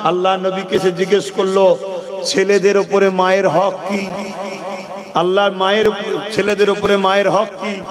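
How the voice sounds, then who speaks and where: A man's voice: sits high, level tone, normal speed. A man preaching a sermon at a religious gathering, often chanting his lines in a sing-song way and calling on the crowd to answer. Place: large outdoor religious gathering. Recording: echoey hall with music behind.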